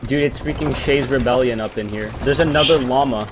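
A man's voice: medium pitch, fairly quick, background noise. A young man chatting casually while playing a video game, teasing his friend and talking through his moves. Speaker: gamer. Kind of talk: casual gaming chat. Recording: game music playing behind.

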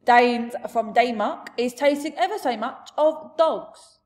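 A woman performs a storybook character voice, playing a big, friendly, blustering male giant who speaks emphatically in jumbled grammar and invented words. She pitches the voice higher than her own, fairly high overall, and speaks slowly in an earnest mood.

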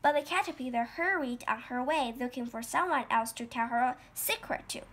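A woman reading a children's story aloud, repeating key words slowly for learners. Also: high voice, a bit bright.

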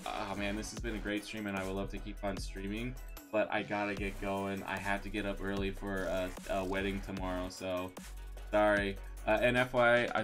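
Low-voiced rambling male streamer. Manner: rambling and thankful, with many fillers and restarts. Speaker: live game streamer. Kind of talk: casual live-stream chat.

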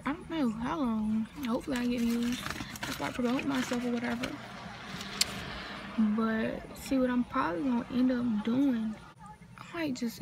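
Gravelly and a little high, the voice belongs to a late-teen North Carolina vlogger chatting outdoors into her phone camera. She rambles casually in a Southern accent, with plenty of slang and off-topic remarks, over background noise.

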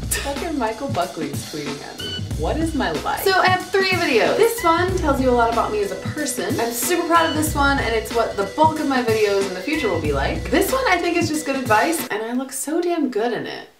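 A woman answers viewer questions in a casual vlog, with a sarcastic, blunt delivery and plenty of swearing. Her pitch jumps around expressively. The sound is roomy and distant, with music playing clearly behind her. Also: big pitch swings, a little fast. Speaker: vlogger.

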